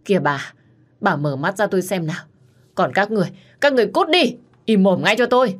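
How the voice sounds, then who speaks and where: A woman voicing a distraught older father who shouts in desperation. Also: mid-range voice, expressive, brisk, pitched above the performer's own voice, close to an everyday voice. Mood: desperate rage.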